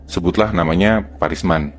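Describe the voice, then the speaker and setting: Low-voiced Jakarta man telling horror stories. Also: moderate pace, slight background noise. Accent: Jakarta Indonesian. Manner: colloquial, step-by-step narration. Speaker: podcast storyteller. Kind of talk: casual horror storytelling to friends.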